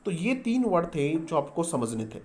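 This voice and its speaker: A man's voice: a little high, big pitch swings, moderate pace, darkish tone. A man teaching an English grammar lesson, spelling words letter by letter and answering his own questions. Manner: addresses students as "beta". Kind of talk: classroom-style grammar lesson.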